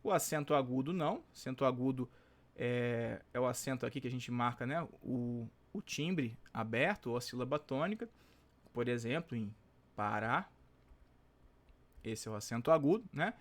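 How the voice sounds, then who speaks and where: A man's voice: medium pitch, animated. A Brazilian Portuguese-accented male teacher, going through exam questions and checking in with the class after nearly every sentence. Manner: chatty, checks in constantly with tag questions; stretches out example words slowly. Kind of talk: exam-prep lesson solving test questions.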